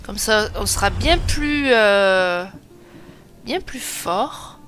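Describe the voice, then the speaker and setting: A woman's voice: mid-range voice, animated, drawn-out words, a bit bright, a little hiss or hum. A woman giving chatty, self-mocking let's play commentary, thinking aloud as she plays. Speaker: gaming streamer. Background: game music.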